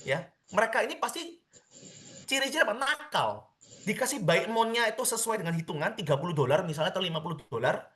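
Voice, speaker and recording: A man giving a live seminar talk to an audience, animated, acting out what people say and often repeating a friendly address to the crowd. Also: fast. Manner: animated, acts out people's quotes, repeats "teman-teman semuanya"; lively swings in pitch and loudness. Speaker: seminar speaker on crypto trading.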